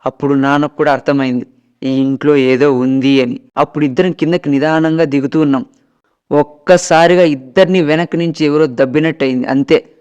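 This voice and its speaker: A man's voice: medium pitch, a little mellow, smooth, dull audio. A man narrating a first-person Telugu ghost story, dramatic and quoting his family as he goes.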